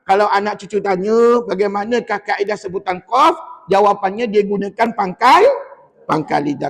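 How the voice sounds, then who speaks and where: A man with a Malaysian Malay accent teaching Quran recitation, quizzing his class and modelling each sound for them to repeat. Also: high voice. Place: mosque hall. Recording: long mosque reverb.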